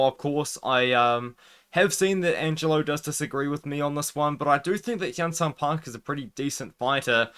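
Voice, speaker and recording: A man's voice: mid-range voice, fairly bright tone. A man with a mid-range voice talks through a fight preview in a casual, conversational way. He has a slight lisp, the sound of someone wearing a retainer he is not used to. He often qualifies his opinions as he goes. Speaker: MMA fight prediction host.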